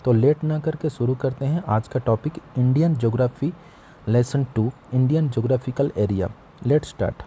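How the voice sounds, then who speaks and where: A man gives an online geography lesson, walking through each point in a chatty, friendly-to-the-viewer way. His voice is mellow and warm-toned at an ordinary pitch, with a faint hiss of background noise. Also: moderate pace. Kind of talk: explanatory lesson narration.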